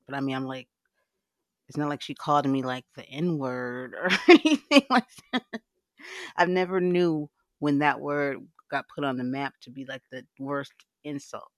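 A woman's voice: deep voice, dry recording. A woman hosting a casual live audio chat, frank and swearing freely, laughing often. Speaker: livecast host.

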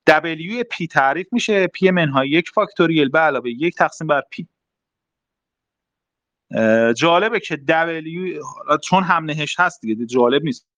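Young man, slightly high voice, dry close sound; casual step-by-step explainer with fillers. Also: fairly bright tone, no room sound, lo-fi sound. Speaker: math talk host.

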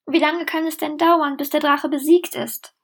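A woman voicing a sixteen-year-old captive princess, plaintive and sharp, in a storybook reading. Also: high-pitched, fairly even intonation, moderate pace. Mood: weary.

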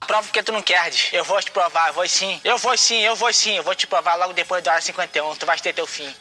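A taunting devil's son from a TV comedy sketch. He jeers in a high, piercing, sing-song voice at a fast clip. The sound is distant, like a clip replayed from a broadcast. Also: bright, forceful tone, faint music behind.

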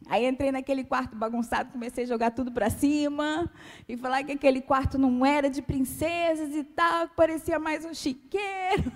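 A woman with a Brazilian Portuguese accent giving a calm, soft-spoken testimony sermon to a church. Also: high voice. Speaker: church speaker. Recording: long hall reverb.

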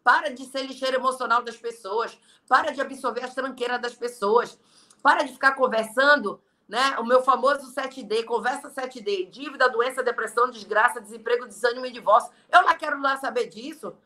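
A middle-aged Brazilian woman speaks in a high, bright voice with a Brazilian Portuguese accent. She is an interview guest who lectures bluntly and with emphasis, preaching self-reliance. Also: fairly quick. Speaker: guest, entrepreneur and online leader. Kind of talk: motivational interview talk.

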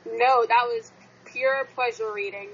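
A woman's voice: a little high, fairly even intonation, unhurried, a bit bright, slightly rough, highs cut off. A woman chatting casually as a guest in a fan discussion.

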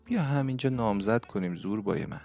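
A man's voice: on the low side, animated, gravelly, darkish tone, faint music behind. A man voicing an elderly woman in an audiobook, stammering and pleading as she trembles.

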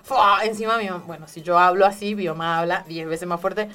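A woman's voice: fairly low pitch, steady tone, fairly quick, bright, forceful tone. A woman from Corrientes with an Argentine accent, telling a story in casual chat and acting out the quoted voices. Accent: Argentine Spanish.

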